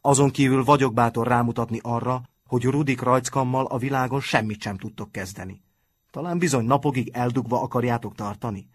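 A man's voice: mid-range voice, husky, close to an everyday voice. A man voicing a formal, strict schoolboy negotiator in a storybook reading. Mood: stern. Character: stiff, formal schoolboy envoy.

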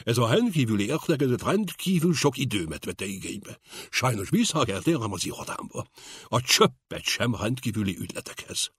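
A man's voice: mid-range voice, sing-song, fairly bright tone, husky, no echo, studio quality, exaggerated voice. A man voicing a pompous, stiff and formal company director in an audiobook reading. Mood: stiffly formal.

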